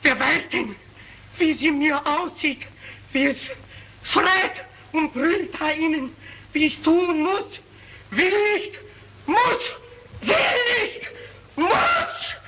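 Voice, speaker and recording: Brief: a haunted killer pleading for his life; high, slow, breaking into screams, 1930s film sound. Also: bright, forceful tone, full character voice, rough recording. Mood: desperate. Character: tormented, hunted male child murderer. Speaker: accused murderer pleading before a mob. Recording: old film soundtrack with faint hiss.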